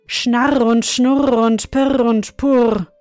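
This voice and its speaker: A woman voicing an odd old godfather and clockmaker, who chants a rasping, monotone clock song and speaks gruffly. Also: a little high, extremely slow, dry recording, faint music behind. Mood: chanting. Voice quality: rasping, monotone when singing.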